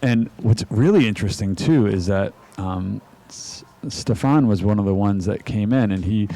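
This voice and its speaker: A man's voice: fairly low pitch, moderate pace, mellow. A man hosting a live stream, chatting casually and rambling with fillers. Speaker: host and venue owner.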